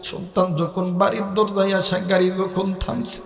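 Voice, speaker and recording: Male preacher, high half-sung sermon narration, echoey hall, faint music. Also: level tone, moderate pace, recorded from a distance. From Bangladesh. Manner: melodic, emotional half-sung storytelling. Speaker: Islamic preacher. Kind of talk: chanted waz sermon storytelling.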